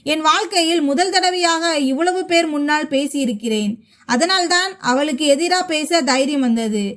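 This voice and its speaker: Woman reader doing an old father, grave and weary, slow and steady delivery. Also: high voice. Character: aging father, quiet, finally standing firm.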